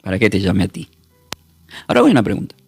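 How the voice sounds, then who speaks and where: A man, a pastor teaching a recorded Bible class in an emphatic preaching manner, repeating words and slowly spelling out terms. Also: fairly low pitch, wildly swooping pitch, gravelly, very noisy.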